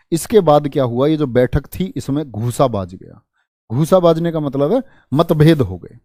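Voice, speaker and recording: A man teaching an exam-prep history lesson, speaking softly and drilling facts with repeated questions and memory tricks. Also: a little high, dry recording. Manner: speaks softly on purpose to spare his throat; addresses students as "bhaiya". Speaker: history tutor.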